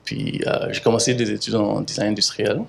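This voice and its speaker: A man in his thirties from Haiti with a Haitian French accent, an artist giving halting interview answers full of fillers and restarts. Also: on the low side, level tone. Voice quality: gravelly, husky. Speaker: visual artist.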